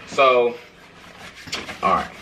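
A man's voice: medium pitch, expressive, extremely slow, noisy background. A young man chatting casually and telling joking stories in a slangy, rambling, giggly way, recorded in a home room. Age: young adult. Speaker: challenge video host. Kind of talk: casual joking chat and storytelling. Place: small bedroom, indoors.

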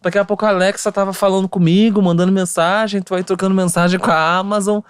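Carioca man, high-ish voice, easygoing slangy storyteller on a dry podcast mic. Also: fast, smooth, no echo. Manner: relaxed storytelling, slang-heavy. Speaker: guest author. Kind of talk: casual podcast conversation.

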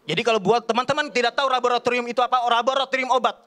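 A man from Kalimantan, in his thirties, performing stand-up on a television studio stage. His voice sits high for a man, and he talks in an animated, rambling way, full of casual slang. He speaks into a handheld mic. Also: racing. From Kalimantan, Indonesia. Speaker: stand-up comedian. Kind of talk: stand-up comedy set. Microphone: handheld microphone.

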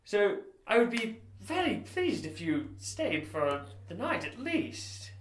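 A man's voice: high voice, very animated, takes it slowly, a little hiss or hum, full character voice. A man voicing a short, older dwarf innkeeper in a tabletop game, grateful and folksy, with a hesitant manner. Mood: grateful, eager. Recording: roomy, echoing tabletop recording.

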